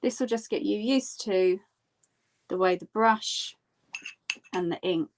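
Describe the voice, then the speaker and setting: A woman giving a casual step-by-step painting demonstration as an art instructor, in a gentle, encouraging manner. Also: on the low side, rough recording. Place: indoors at a tabletop.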